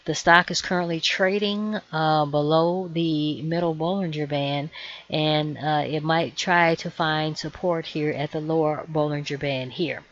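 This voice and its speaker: A woman with a hoarse, fading voice giving a measured, explanatory stock chart tutorial over a screen share, adding cautionary asides. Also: low-pitched, fairly even intonation, a bit bright, dull audio. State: hoarse, losing her voice. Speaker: trading educator.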